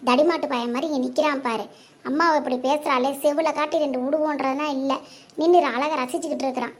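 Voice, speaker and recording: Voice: steady tone, quick pace, close to an everyday voice. A performer voicing a quarrelsome elderly mother in a cartoon, nagging and hurling insults at her son. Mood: scolding. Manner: shrill nagging scolding, insults. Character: quarrelsome elderly mother, sharp-tongued and scolding. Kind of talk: cartoon comedy voice acting.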